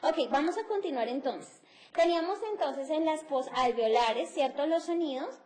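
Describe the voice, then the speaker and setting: A woman's voice: high voice, lively intonation, moderate pace, a little mellow. A middle-aged woman, teaching an English phonetics class on TV and explaining sounds step by step, mixing in English. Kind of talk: televised class lecture.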